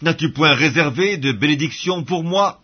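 A man's voice: fairly high pitch, moderate pace, husky, pitched above the performer's own voice. A man reading the part of a bitter elder son cheated of his blessing, pleading and aggrieved. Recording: dull lo-fi audio.

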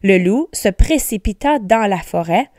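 A woman teacher reading a storybook aloud slowly, carefully pronouncing each word for learners. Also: mid-range voice, lively intonation, darkish tone, no echo, studio quality.

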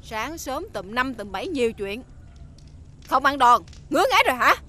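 An actress with a Southern Vietnamese accent playing the sharp-tongued young mistress of a rich household, scolding her servants. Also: fairly high pitch, animated, moderate pace, slight background noise. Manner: scolding, bossy. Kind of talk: TV drama acting.

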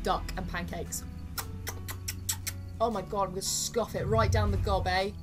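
A woman, streaming live, excitable and quick to swear and laugh. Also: mid-range voice, over music.

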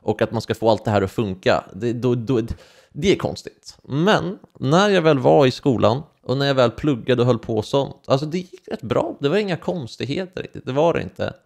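A man's voice: medium pitch, animated, creaky, darkish tone. A young man, telling a personal story to camera in slangy, casual talk full of fillers and restarts. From Sweden. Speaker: vlogger.

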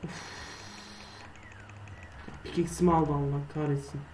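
A young man casually commenting on his own gameplay, muttering to himself and swearing or shouting when startled. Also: mid-range voice, fairly even intonation, moderate pace, rough recording. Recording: faint background noise.

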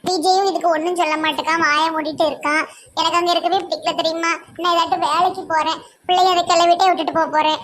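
A woman's voice: very high voice, flat delivery, fast, fairly bright tone. A woman voicing a blunt, scolding young village woman in a cartoon, with a Tirunelveli Tamil accent. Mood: aggrieved.

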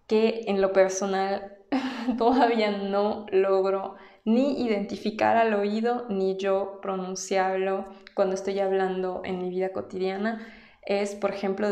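A woman's voice: mid-range voice, darkish tone. Mexican woman explaining in a roomy room. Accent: Mexican Spanish. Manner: patient, demonstrates sounds slowly. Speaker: language vlogger. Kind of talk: casual explanatory vlog. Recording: roomy echo.

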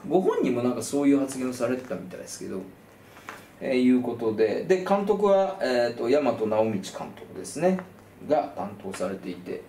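Lively animated man in echoey room. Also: a little fast, slight background noise. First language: Kansai dialect speaker. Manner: animated, jokey, lively pitch swings. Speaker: film commentary host. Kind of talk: casual film talk.

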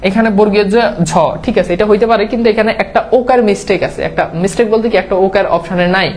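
A woman teaching an online admission exam lesson over slides. She explains rules step by step, mixes in English words and keeps checking understanding with quick tag questions. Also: mid-range voice, steady tone, darkish tone.

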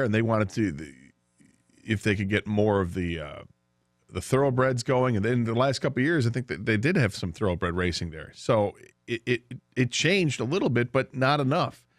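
Casual sports radio talk comes from a male co-host with an American accent and a fairly low pitch. He's on a studio broadcast microphone, and the sound has no echo.

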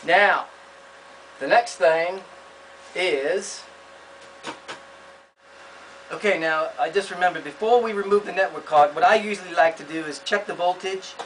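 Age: adult. Sex: man. Style: bumbling how-to host, high-pitched, off-mic. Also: a bit bright, recorded from a distance, slight background noise, low-quality recording. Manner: bumbling, overconfident, falsely expert. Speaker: host of a parody repair video. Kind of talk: mock how-to demonstration.

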